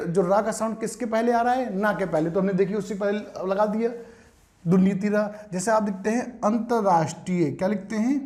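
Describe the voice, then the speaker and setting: A man's voice: high voice, mellow. A man teaching an exam-prep Hindi spelling lesson, explaining patiently, repeating words and asking his students rhetorical questions.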